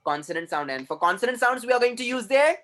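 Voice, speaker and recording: A man's voice: extremely high pitch, expressive, extremely slow, fairly bright tone. A man with an Indian accent teaching English grammar to a class, emphatic and drilling sounds over and over. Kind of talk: classroom lecture.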